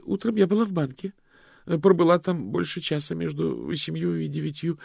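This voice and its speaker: A man voicing a frightened female fortune-teller suspect who stammers and pleads in a shrill voice. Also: brisk, gravelly, a little mellow, husky, no echo, clean studio sound, heavily acted. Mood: anxious pleading.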